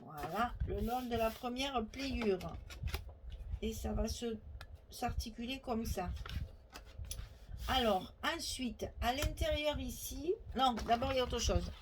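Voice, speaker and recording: A woman's voice: fairly high pitch, slow, background noise. A woman with a Provençal French accent hosting a chatty, step-by-step scrapbooking tutorial, thinking aloud and correcting herself as she goes.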